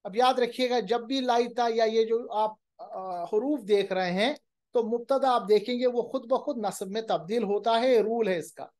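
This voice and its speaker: A woman teaching a grammar lecture, explaining patiently and slowing down to recite example phrases carefully. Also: a little high, a little mellow. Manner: patient explaining, often checks in with "okay".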